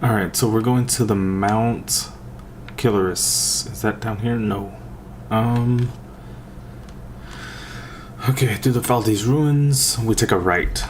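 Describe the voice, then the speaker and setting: A man's voice: on the low side, slow, pauses often, a little mellow, a little hiss or hum. A man giving laid-back commentary while playing a video game, thinking aloud. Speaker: gamer. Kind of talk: casual gameplay commentary. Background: game music.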